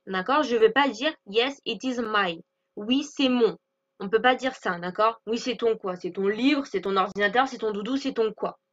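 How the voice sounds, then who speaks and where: A woman's voice: a little high, a bit bright. A woman teaching an online English lesson, explaining patiently and often checking with "d'accord?". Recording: slightly dull lo-fi audio.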